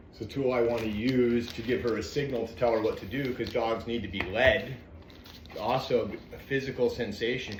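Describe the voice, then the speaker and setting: A man working as a dog trainer, calmly explaining a training session to viewers between soft coaxing praise for the dog. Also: fairly low pitch, echoey room, slight background noise. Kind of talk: narrating a training session to camera. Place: indoor room with a dog.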